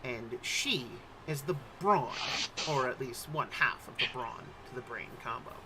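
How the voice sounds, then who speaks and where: A man's voice: medium pitch, unhurried, heavy background noise. A man hosting as game master, introducing and narrating a tabletop game like a theatrical storyteller.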